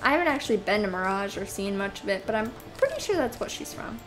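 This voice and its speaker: This young gameplay host talks fast and very animatedly in a medium-pitched voice while playing in her apartment, rambling to herself with many sighs and fillers. The audio is poor, and game music is clearly audible behind her.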